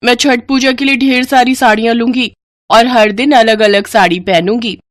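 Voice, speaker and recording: A woman's voice: fairly high pitch, steady tone, moderate pace, dry recording, clean studio sound, voice pushed up, close to an everyday voice. A woman voicing a spoiled, rich young daughter-in-law in a cartoon story, with a chirpy, mocking tone.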